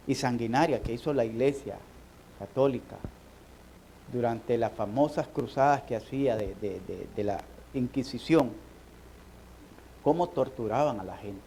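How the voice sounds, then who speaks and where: A man, a pastor preaching a sermon, moving from quiet personal storytelling to emphatic appeals. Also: mid-range voice, slight background noise, poor audio. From Nicaragua. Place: church sanctuary.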